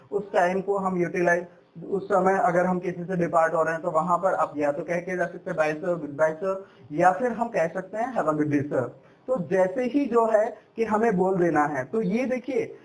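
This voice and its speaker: A man teaching spoken English as a lesson, explaining slowly and repeating himself with fillers. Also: high-pitched, low-quality recording. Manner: slow, repetitive explaining with fillers.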